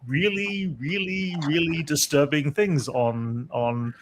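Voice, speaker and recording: A man's voice: fairly high pitch, slow pace. A man hosting a casual pop-culture chat, rambling with many fillers and restarts. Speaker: podcast host.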